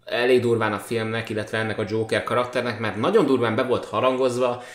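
A man co-hosting a podcast, chatting casually about films with teasing, quick asides. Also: mid-range voice, steady tone. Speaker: podcast co-host. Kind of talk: casual film chat. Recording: roomy echo.

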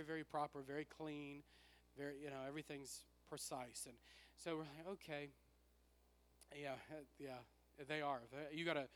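Raspy, higher-voiced man preaching. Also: pushed and bright. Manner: emphatic repetition of phrases. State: voice worn from preaching and travel. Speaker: pastor preaching to a congregation. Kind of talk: sermon with personal stories.

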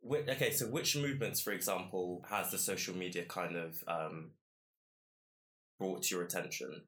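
A man with a low voice hosts a podcast in a conversational style. His delivery is reflective and a bit hesitant, as he lays out his thoughts and puts questions. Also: normal speed, fairly bright tone. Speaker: podcast host.

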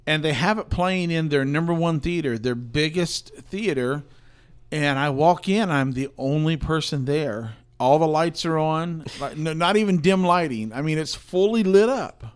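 A man's voice: on the high side, normal speed, clear, resonant tone. A man co-hosting a casual podcast, telling stories about seeing films in a rambling way with lots of fillers. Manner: rambling, filler-heavy storytelling. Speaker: podcast co-host, film reviewer. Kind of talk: casual film review chat.

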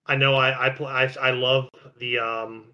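A man co-hosting a casual card game podcast, relaxed and rambling, with lots of fillers and restarts. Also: mid-range voice, a little slow, lo-fi sound. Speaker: podcast co-host.

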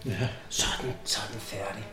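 A man narrating a tabletop game as game master, pausing often to search for words. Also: lowish voice, fairly even intonation. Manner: hesitant, searching for words while describing. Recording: roomy, distant mic, loud music behind.

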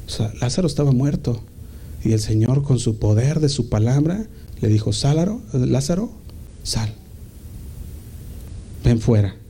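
A man delivers a sermon in a deep, very dark and mellow voice of middling pitch. He reads scripture with rising emphasis, then talks freely with casual restarts. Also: slight background noise. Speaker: preacher. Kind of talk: sermon reading and explaining scripture.

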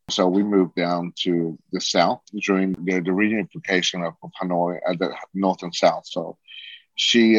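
An Australian man in his 40s, a social entrepreneur appearing as an interview guest, talks casually and rambles with lots of restarts. His voice sits low with no echo, and the recording has a dull, lo-fi quality.

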